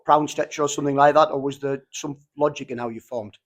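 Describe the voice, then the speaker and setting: A man's voice: on the high side, steady tone, fast. Jokey male interviewer backstage. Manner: jokey, loose questioning. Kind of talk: casual interview. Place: backstage green room.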